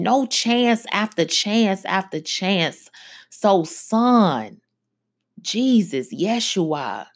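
Woman doing a solemn fatherly God, low and grave, slow and firm. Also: slightly rough, full character voice. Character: solemn fatherly God addressing his son.

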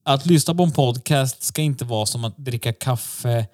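A man's voice: mid-range voice, darkish tone. Male podcast host, dismissive, opinionated, chatty. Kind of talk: casual podcast chat.

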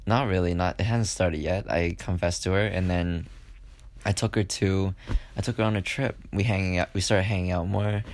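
A man's voice: sits low, fairly even intonation, normal speed, no room sound. A young man casually telling a personal story on a podcast, rambling with lots of fillers and acting out what people said. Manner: rambling, with many fillers and acted-out quotes.

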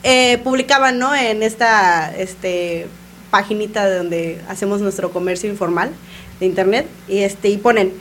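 A woman with a Mexican accent chatting casually as a co-host, slangy and quick to laugh. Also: mid-range voice, a bit bright, slight background noise. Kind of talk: casual chat.

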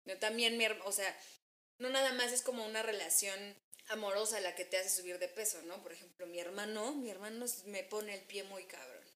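A young woman with a Mexican accent chatting casually, telling stories and acting out quotes with sudden jumps in pitch. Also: a little fast, reverberant. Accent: Mexican Spanish. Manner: animated storytelling, acts out quotes with jumps in pitch. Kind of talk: casual chat.

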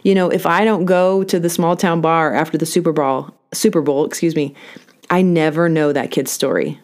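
A woman's voice: fairly low pitch, fairly even intonation, moderate pace. A middle-aged woman and teacher hosting a solo podcast, telling stories in a candid, self-deprecating way and acting out the dialogue she quotes. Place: indoors, talking alone into a mic.

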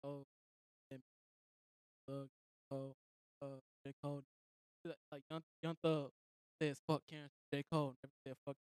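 A man's voice: little pitch movement, moderate pace, long pauses, clean tone, dry recording, clean studio sound. A man co-hosting a podcast in casual joking chat, crude and playful. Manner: crude, jokey, slips into high silly voices. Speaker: podcast co-host.

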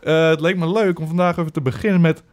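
A man's voice: on the high side, steady tone, fast. A man hosting a casual gaming podcast, upbeat and chatty with frequent hesitant fillers. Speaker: podcast host.

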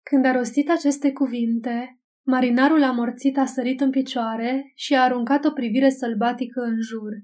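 Brief: female audiobook narrator, measured literary reading, warm, dark-toned voice. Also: high-pitched, steady tone.

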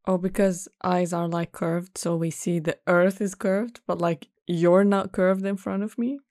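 A woman's voice: steady tone, unhurried, darkish tone, no room sound. Chatty young woman co-host, storyteller, dry close mic. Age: young adult. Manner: chatty storyteller, mimics others in a high nasal voice. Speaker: podcast co-host. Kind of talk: casual chat.

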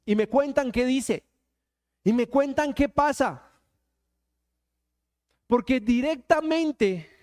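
Guy preaching in church, really high voice, chatty and jokey with the crowd. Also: a little mellow. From Colombia. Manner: colloquial, joking, addresses congregation directly. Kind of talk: sermon.

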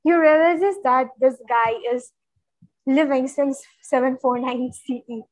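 High-voiced woman chatting about a book. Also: a little slow, no echo, poor audio. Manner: animated, stuttering retelling with frequent laughs. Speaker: book club co-host. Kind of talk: casual book discussion.

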